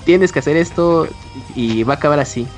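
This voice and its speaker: Mexican man, slightly high voice, casual game talk. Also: a little fast, soft background music. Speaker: video game podcast panelist. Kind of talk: casual chat about video games.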